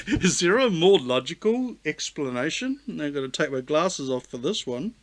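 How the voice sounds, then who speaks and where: A man's voice: on the high side, big pitch swings, unhurried. A man vlogging casual commentary on Bible texts, sarcastic and rambling, often correcting himself mid-sentence. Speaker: YouTube vlogger.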